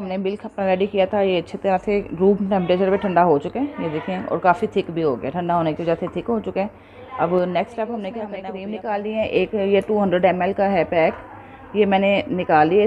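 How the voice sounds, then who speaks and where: Low-voiced woman teaching a home recipe. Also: mellow, a little hiss or hum. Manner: patient, explains each step, checks in with viewers. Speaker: cooking show host. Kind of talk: step-by-step cooking instruction.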